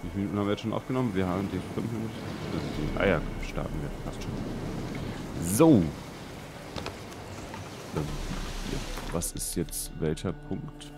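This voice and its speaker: A man's voice: normal speed, long pauses, noisy background. A man gives casual gaming commentary, often muttering to himself as he plays. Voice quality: deep voice. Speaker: let's play host. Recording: game music behind the voice. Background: video game music.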